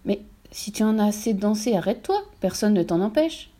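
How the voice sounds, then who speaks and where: A woman voicing a curious, excitable young girl with high, eager exclamations, in a storybook reading. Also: fairly quick, close to an everyday voice. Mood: excited.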